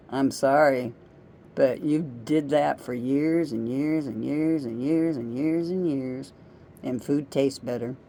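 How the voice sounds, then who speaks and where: Middle-aged woman, casual monologue, playful and self-mocking, gravelly, dark warm tone. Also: extremely low pitch, slight background noise. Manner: chatty, playful, self-mocking, talks to the listeners directly. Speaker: podcast host.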